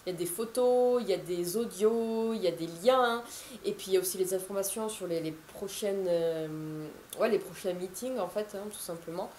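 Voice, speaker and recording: A woman's voice: medium pitch, normal speed, a little mellow. Woman, thirties, chatty author, echoey room, faint background hum. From France. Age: 30s. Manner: chatty, many fillers and restarts, laughs at herself. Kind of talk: casual chat to camera.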